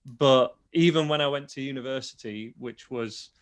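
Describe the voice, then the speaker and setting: A young man from Yorkshire, England, with a softened local accent, speaks at a medium pitch and normal pace in a clear, resonant voice. He's a guitar teacher and online video creator chatting casually in an interview, explaining things plainly and often restarting his sentences.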